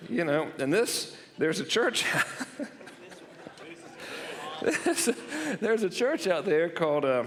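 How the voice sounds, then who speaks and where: A man's voice: on the high side, big pitch swings, slow, long pauses. Joking man presenting in a reverberant hall. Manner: loose, jokey and profane, laughing at his own gags. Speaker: marketing workshop presenter. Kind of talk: joking seminar talk. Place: event room stage.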